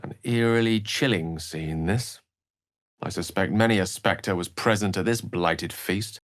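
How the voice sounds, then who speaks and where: A male actor voices an eloquent, theatrical wizard in a fantasy video game, sounding learned, courtly and wry with articulate, bookish phrasing. His voice sits low and unhurried with an intrigued mood, captured in a dry, studio-quality recording.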